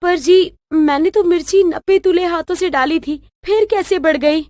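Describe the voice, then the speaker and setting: Woman as sly cartoon bride, high sweet voice, melodramatic, dry close mic. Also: normal speed, a little mellow, dry recording. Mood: plotting. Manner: sugary, theatrical whining. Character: crafty young daughter-in-law, fake-sweet. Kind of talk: animated storybook voice acting.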